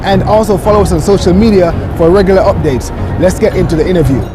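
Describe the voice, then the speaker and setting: A man's voice: high-pitched, fast talker. A man hosting, reading a scripted show intro in an upbeat announcing way. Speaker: host. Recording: voice over clear music.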